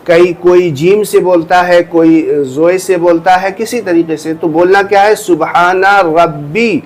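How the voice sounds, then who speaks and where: A man giving a religious lesson, explaining step by step with earnest repetition and reciting phrases slowly to demonstrate. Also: high voice, steady tone, a little mellow. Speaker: religious teacher. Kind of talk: instructional talk on prayer.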